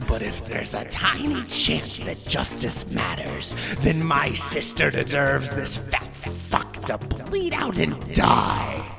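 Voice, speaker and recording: A man voicing a vengeful, grieving woman who makes a high, slow, ominous proclamation. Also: wildly swooping pitch, gravelly, full character voice. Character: vengeful grieving woman, cult-obsessed, armed. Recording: background music.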